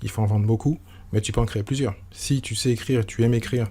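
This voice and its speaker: A man's voice: mid-range voice, steady tone, quick pace, dark tone, slightly rough. A man hosting a solo podcast, talking informally and rambling with many restarts and fillers. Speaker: podcast host.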